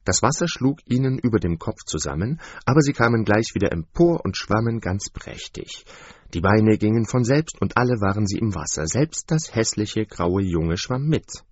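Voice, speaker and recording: A man reading a fairy tale aloud in an expressive storybook manner, on a dull, dry recording. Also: on the low side, normal speed, breathy edge, dry recording.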